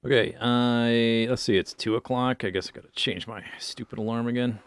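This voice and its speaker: A man's voice: mid-range voice, fast, fairly bright tone. A man streaming a video game, talking to himself in a loose, meandering way as he plays. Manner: muttering to himself, musing aloud. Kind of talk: casual gameplay commentary.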